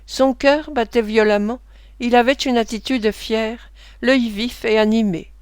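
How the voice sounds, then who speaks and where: A woman narrating a classic novel for an audiobook in a steady, measured way. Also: a little high, clear, resonant tone, dry recording, studio quality. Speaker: reader.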